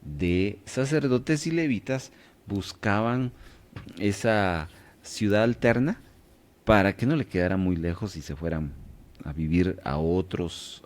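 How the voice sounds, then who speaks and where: A man leading a radio Bible class, quizzing his listeners and checking in often to see that they follow. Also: deep voice. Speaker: Bible study teacher.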